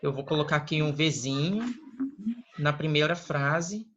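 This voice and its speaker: A man, an English teacher giving a recorded class, who explains patiently step by step and keeps checking in with quick question tags. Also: a little high, a bit bright, slight background noise. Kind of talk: recorded online class lesson. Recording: slightly dull lo-fi recording.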